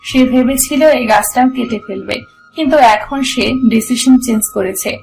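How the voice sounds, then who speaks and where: A woman narrating a romance audio story in a steady storytelling manner. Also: on the high side, normal speed, gravelly, faint music behind, rough recording.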